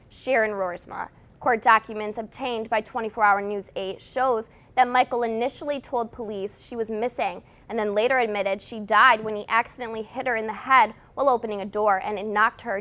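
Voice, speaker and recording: A woman's voice: on the high side, bright, forceful tone. An American woman reading scripted television news as the anchor.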